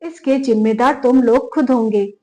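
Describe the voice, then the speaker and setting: A woman voicing a bullying young daughter-in-law who shouts, scolds and threatens her in-laws. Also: a little high, moderate pace, natural voice. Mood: angry scolding.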